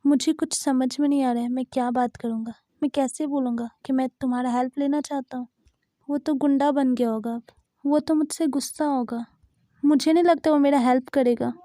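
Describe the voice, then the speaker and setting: A woman's voice: high voice, fairly even intonation, fairly quick, mellow, no echo, clean studio sound, lightly acted. A woman voicing a timid, nervous young man in a storybook-style fan dub, speaking anxiously and pleadingly.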